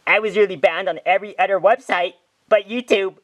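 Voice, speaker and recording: Guy doing a whiny plush rabbit, a bit higher than normal, complains nonstop. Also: fairly even intonation, a little fast, natural voice. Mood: complaining.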